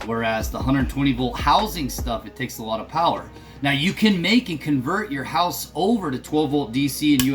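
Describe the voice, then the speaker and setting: A man hosting a casual DIY tutorial, chatty and jokey as he explains each step. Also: mid-range voice. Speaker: host mechanic.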